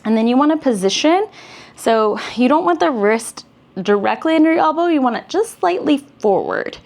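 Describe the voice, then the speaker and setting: A woman guiding a Pilates workout, giving calm counted cues and encouragement. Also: high-pitched, moderate pace, vocal fry. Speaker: Pilates instructor. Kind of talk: guided workout instruction.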